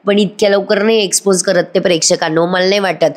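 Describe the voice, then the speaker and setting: A woman's voice: mid-range voice, fairly even intonation, fast. Woman reviewer, chatty and casual, addresses the audience. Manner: chatty, addresses viewers directly. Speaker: TV serial reviewer. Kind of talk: casual voice-over recap.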